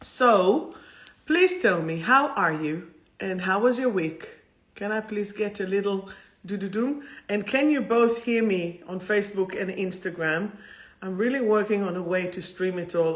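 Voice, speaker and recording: On a chatty livestream about the soul, a woman with an Israeli accent plays host, her lowish voice a bit bright. She rambles along in an effusive, playful way.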